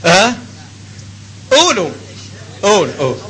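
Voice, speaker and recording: Bright-voiced older Egyptian sheikh teaching. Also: male voice, sits high, measured pace, poor audio. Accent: Egyptian Arabic. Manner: animated, quizzing students with rhetorical questions. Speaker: hadith teacher. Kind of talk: classroom lecture.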